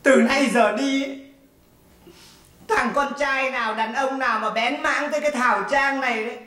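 A woman playing a brash, newly widowed wife in a stage comedy sketch. She scolds fast and bossily, then sings slow, mock-mournful laments. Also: sits high, fairly even intonation, sharp tone. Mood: bossy, scolding. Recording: echoey stage audio from far off, with music.

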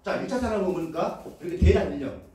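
Animated man lecturing in an echoey hall. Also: high-pitched, fast, a little hiss or hum. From Jeolla region, Korea. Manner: lively call-and-response, acts out quoted lines, laughs often. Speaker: motivational lecturer. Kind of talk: animated lecture to a live audience. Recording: echoey hall, heard from a distance.

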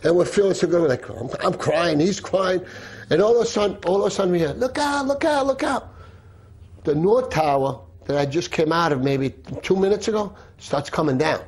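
A firefighter telling his story in an interview, vivid and animated, acting out the shouts he heard. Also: a little high, a little fast. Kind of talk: emotional interview recollection.

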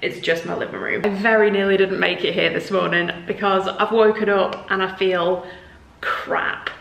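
A young northern English woman vlogs casually to camera, poking fun at herself as her voice echoes like a cave through the bare rooms of an empty house. Her medium-pitched voice is fairly bright with vocal fry, steady in tone and at a moderate pace. The recording has that echoey empty-room sound with faint noise.

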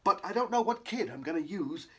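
A man's voice: high-pitched, expressive, brisk, a little hiss or hum. A man doing a mild puzzled book writer.

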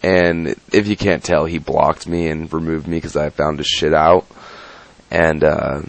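A man's voice: very deep voice, fairly even intonation, unhurried, creaky. A young man telling his viewers a story in a rambling, annoyed way, restarting often and swearing. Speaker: YouTube channel owner. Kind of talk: casual vlog rant to viewers.

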